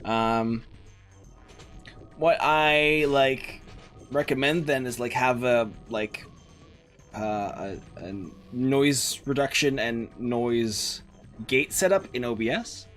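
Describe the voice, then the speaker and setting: With soft music in the background, a young man from the Netherlands casually chats through a game in a Dutch accent, reading chat and game text and musing aloud with many fillers. His voice is medium in pitch, slow, and a bit bright.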